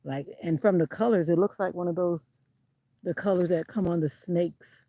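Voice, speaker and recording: A woman's voice: on the low side, normal speed, mellow, no echo, rough recording. A woman chatting casually while walking a country road, out of breath, filmed on a handheld camera. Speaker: vlogger.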